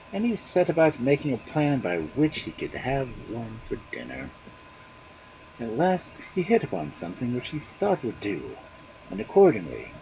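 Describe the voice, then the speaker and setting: A male storyteller reads fairy tales aloud on a livestream. His telling is dramatic and expressive, and his pitch rises and falls widely. A faint hiss sits behind him. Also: low-quality recording. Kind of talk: fairy-tale reading on a livestream.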